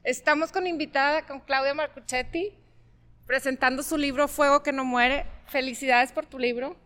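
A woman's voice: high voice, steady tone, normal speed, a bit bright. A woman with a Mexican accent hosting a podcast, upbeat and welcoming. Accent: Mexican Spanish. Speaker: podcast host. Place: store event space with live audience.

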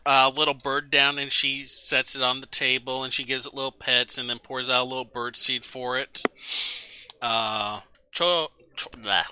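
A man's voice: mid-range voice, pushed and bright, smooth, no room sound. A man narrating a tabletop game as game master, rambling through descriptions with many fillers.

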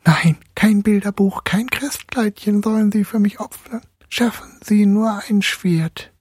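A wooden nutcracker, come to life, speaks with a laboured lisp and old-fashioned courtly manners, as a male reader puts him on. His voice is raised high and breathy, read dry and close. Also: a little slow, a little mellow, no echo. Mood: earnest courtly. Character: enchanted wooden nutcracker, courtly young man.

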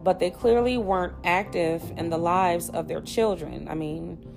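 A woman's voice: fairly low pitch, a little slow, vocal fry, music in the background. An American woman hosting a podcast, narrating true crime in a grave storytelling manner with blunt personal asides. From Detroit, United States. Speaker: podcast host.

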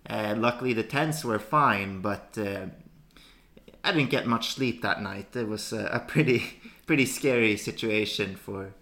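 A young Swedish man joins a podcast as a guest, with a low, gravelly voice. He answers briefly and hesitantly, pausing often on fillers. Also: pushed and bright. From Sweden. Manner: hesitant, many "uh"s, short answers. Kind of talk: casual podcast chat.

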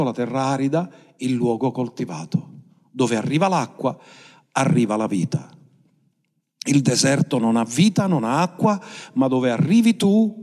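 A man preaching a sermon with passion, his voice climbing high for emphasis. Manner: impassioned, pitch swinging up for emphasis. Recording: long hall reverb.

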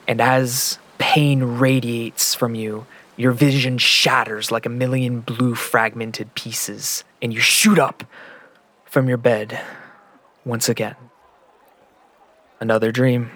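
A man narrates as game master of a tabletop game, speaking in the second person. His voice sits in a middle pitch, and he builds suspense by repeating words and phrases. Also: a bit bright. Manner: descriptive, builds suspense with repetition.

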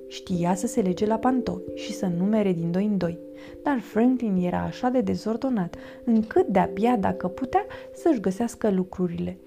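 A woman reading a children's picture book aloud as a storyteller, lively and giving the characters their own voices. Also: creaky. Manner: lively, voices the characters with raised pitch and volume.

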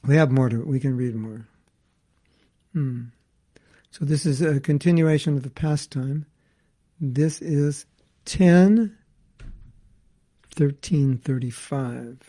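A man's voice: medium pitch, slow pace, pauses often, dark tone. A man teaching a scripture class, reading passages aloud and explaining them in casual asides. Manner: reads a passage then comments in casual asides.

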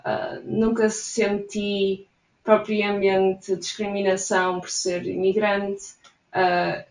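A young woman from Portugal with a European Portuguese accent, chatting easily through interview answers and laughing softly now and then. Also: medium pitch. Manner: chatty, frequent soft laughs. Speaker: interviewee, immigrant in Sweden. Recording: roomy echo.

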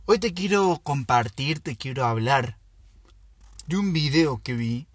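A man who hosts a show and tells a story in a casual, unhurried way, pausing often to think. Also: mid-range voice, animated, dry recording. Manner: slow, thoughtful, with pauses and fillers. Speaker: podcast host.

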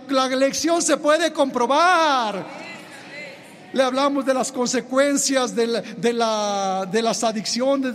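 A very high-pitched man preaches a sermon with fervor, his voice swelling into shouts. He is recorded with a long, hanging reverb and a faint hiss behind him. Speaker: minister. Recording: long hall reverb, faint background noise.

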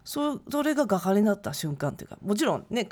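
A woman painter telling stories as a guest in a casual interview, lively and laughing, acting out other people's lines. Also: medium pitch, quick pace. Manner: lively, acts out quotes in other voices, laughs often.

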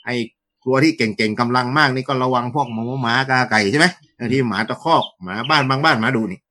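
A male schoolteacher telling stories in a casual interview, jokey and lively, slipping into acted quotes. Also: mid-range voice, fairly quick.

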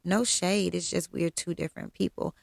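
Blunt woman with heavy vocal fry. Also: on the low side, steady tone, moderate pace, no room sound, clean studio sound. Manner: blunt, candid, self-assured straight talk with frequent ums. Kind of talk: personal storytime monologue.

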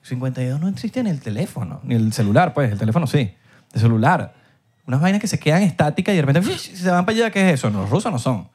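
Lively fast-talking Venezuelan man. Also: medium pitch, husky. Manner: joking, rapid, animated slang-filled talk. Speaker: host. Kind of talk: casual chat, joking. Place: outdoors in a city street.

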